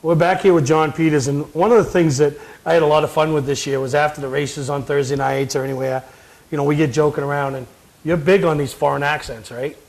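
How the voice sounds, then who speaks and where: A quick, brisk male host with a somewhat high voice, running a casual interview. He talks in an upbeat, chatty way and keeps nudging his guest. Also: steady tone, low-quality recording. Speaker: talk show host.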